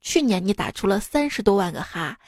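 Her mid-range voice is very animated, brisk and a little mellow as this young adult woman reads teasing jokes on the radio and laughs along with them. It's a dry, studio-quality recording with background music beneath the casual talk.

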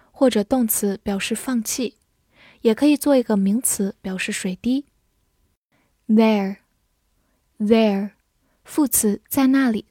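A woman teacher reviewing English vocabulary, saying each word twice slowly before calmly giving its meanings. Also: a little high, no room sound, studio quality. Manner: says each word twice slowly, then calm definitions.

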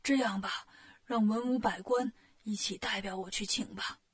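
A woman voicing a frail, sick old king in a storybook tale, speaking in a feeble, breathy half-whisper. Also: fairly high pitch, unhurried, pitched below the performer's own voice. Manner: feeble and sighing.

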